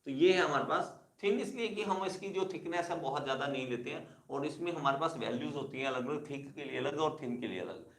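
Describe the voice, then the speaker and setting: A man's voice: on the high side, expressive, brisk, few pauses. Man lecturing in an echoey classroom. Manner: repetitive, addresses students as kids. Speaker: engineering teacher.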